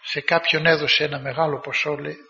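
A male preacher delivers a sermon in a very bright, sharp, somewhat high voice. He tells his stories vividly and acts out the quoted dialogue in a raised voice. A dull recording carries a long reverb, as in a large hall. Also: gravelly. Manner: lively storytelling, acting out quoted dialogue in a raised voice.

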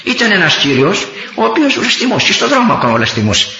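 An older man from Greece, a priest and former army chaplain, preaching with impassioned storytelling that rises to near-shouts. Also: high voice, sing-song, crowd noise. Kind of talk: storytelling sermon. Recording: echoey, dull lo-fi room recording.

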